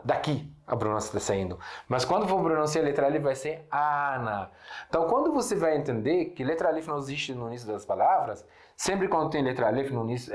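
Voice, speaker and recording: A young man whose first language is Arabic, teaching an online language lesson in Portuguese with an Arabic accent. He explains patiently, asks himself rhetorical questions and often corrects himself. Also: medium pitch. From Syria. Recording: echoey room.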